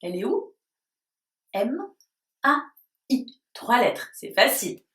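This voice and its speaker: A woman with a high, lively voice leads a lesson for little children, slow and sing-song. She asks simple questions and praises them. The sound is roomy, as if she stands a little away from the mic. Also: distant mic. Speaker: preschool teacher. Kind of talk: lesson for young children at home.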